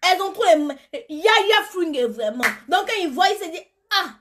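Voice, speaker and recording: A woman with a very high voice tells stories to her live audience. Her tone is bright and forceful, playful and gossipy, and she repeats words while mimicking the people she talks about. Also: expressive, fairly quick. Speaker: live streamer commenting on news. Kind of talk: animated storytelling chat.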